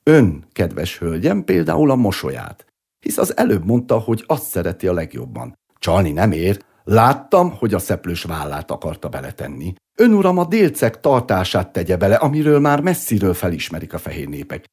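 A man voicing a smooth-talking male traveling showman and swindler, with coaxing, theatrical salesman patter, in a storybook reading. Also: low-pitched, wildly swooping pitch, a little mellow, heavily acted. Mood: sly.

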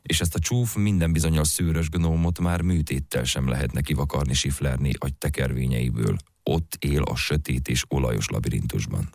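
A man reading literary fiction aloud in a measured, unhurried narration. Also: very deep voice, fairly even intonation, vocal fry, a little mellow, no room sound, clean studio sound. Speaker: audiobook reader.

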